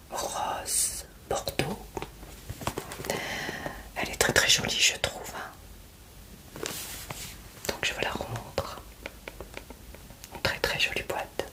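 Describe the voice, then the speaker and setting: A woman whispering a gentle unboxing in whispered role-play, halting with many fillers as she gushes over a gift box. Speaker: ASMR creator.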